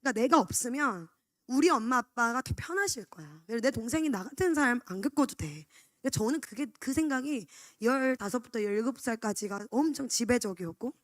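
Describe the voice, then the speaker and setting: A woman's voice: on the high side, fairly bright tone, dry recording, clean studio sound. A woman in her twenties, a church education staff member, telling her personal testimony in a candid, confessional way. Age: 20s.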